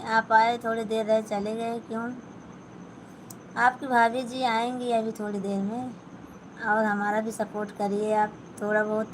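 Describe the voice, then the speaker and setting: A woman's voice: a little high, slight background noise, rough recording. A woman with an Awadhi-flavoured Hindi accent, hosting a casual live stream from home while she sits and sews, reading out viewers' comments and answering them one by one. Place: at home, sitting and sewing.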